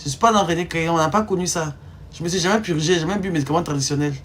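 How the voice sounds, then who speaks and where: Rapid-fire and fairly low-pitched, a woman in her thirties from Ivory Coast talks to her live-stream audience in an Ivorian French accent. She teases emphatically and keeps firing rhetorical questions, with a little hiss or hum audible.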